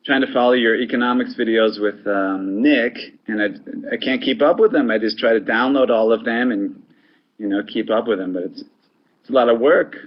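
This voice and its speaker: A man from Wisconsin in a casual online voice chat, speaking in a dry, easygoing, low-key way. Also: a little fast, highs cut off.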